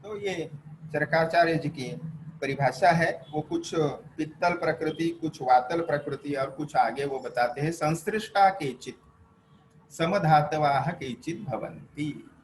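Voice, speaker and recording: A man giving an unhurried lecture, reciting verses and then explaining them. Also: fairly high pitch, a little hiss or hum, poor audio. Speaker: Ayurveda teacher. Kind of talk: classroom lecture.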